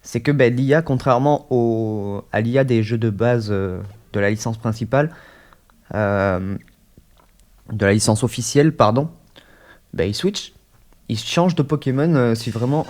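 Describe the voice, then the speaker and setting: A man with a cold, sounding stuffy, chats hesitantly with many fillers while playing a game at his desk mic. He's a gaming YouTuber doing casual let's-play commentary, his voice medium-pitched and a little mellow.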